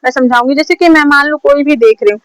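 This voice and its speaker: A high-voiced woman from India gives a casual home tutorial, filmed on a phone on a stand. She talks in a chatty, repetitive way, hammering each step home. The sound is dry and close, with no room echo. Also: fast talker. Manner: chatty, repetitive, drills points over and over. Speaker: short-video creator teaching lip sync. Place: home, recording herself.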